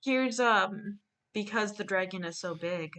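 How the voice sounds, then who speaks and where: A woman hosting a live online stream of dramatic readings and drawing chats casually while retelling a silly story, playfully acting out the quoted lines. Her mid-range voice is a bit bright and a little slow.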